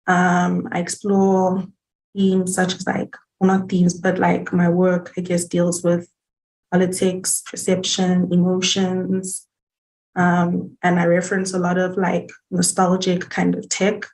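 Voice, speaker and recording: A woman's voice: mid-range voice, poor audio. A woman digital artist and game developer, introducing herself hesitantly on a video call. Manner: flat, hesitant, many fillers. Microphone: video call, webcam.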